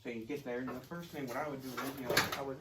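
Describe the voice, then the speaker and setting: A young man giving a casual how-to to camera, halting as he searches for words. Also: medium pitch, steady tone. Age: young adult. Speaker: video host. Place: garage, phone on tripod a few feet away. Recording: clearly noisy garage phone recording.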